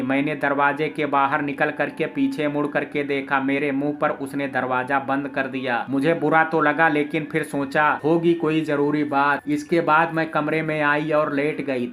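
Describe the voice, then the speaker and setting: A man narrating a first-person life story in a calm, even storytelling manner. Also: a little high.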